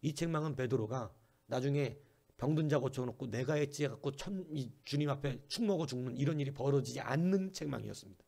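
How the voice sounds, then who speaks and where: A male pastor giving a conversational sermon, asking the congregation questions and acting out quoted voices from whispers to loud bursts. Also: mid-range voice, a little fast, vocal fry.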